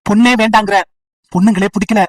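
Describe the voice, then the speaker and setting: A woman's voice: mid-range voice, fairly even intonation, quick pace, no echo, distant mic, pitched below the performer's own voice, close to an everyday voice. A woman voicing a stubborn, bitter young village man of 28 who refuses marriage and talks curtly and threateningly. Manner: curt, threatening, sulky.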